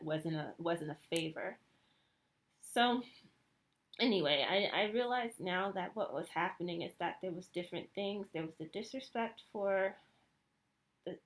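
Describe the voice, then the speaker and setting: A woman in her thirties from the United States, giving a reflective personal monologue in a hesitant way with many fillers and restarts. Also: lowish voice. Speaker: vlogger.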